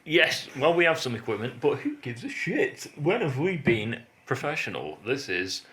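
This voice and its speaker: A man's voice: mid-range voice, wildly swooping pitch, moderate pace, a bit bright. A man co-hosting a comedy podcast with a Northern English accent, rambling and giggling in casual chat. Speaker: podcast co-host. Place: bare echoey room at home. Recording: echoey room with noise.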